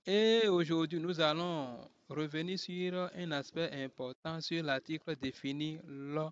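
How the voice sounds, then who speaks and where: Male language teacher, slow and deliberate, repeats his points, fairly high voice, dry lo-fi sound. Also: clear, resonant tone, no echo. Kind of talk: language lesson. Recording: dull, dry lo-fi recording.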